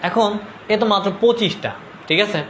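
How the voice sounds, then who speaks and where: A young Bangladeshi man teaching a live online lesson, his voice sitting high for a man. He talks casually and keeps asking viewers to comment and whether they follow. Faint background noise sits under the voice. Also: normal speed, fairly bright tone. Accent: Bangladeshi Bengali. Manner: checks understanding with "ঠিক আছে?". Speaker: online tutor.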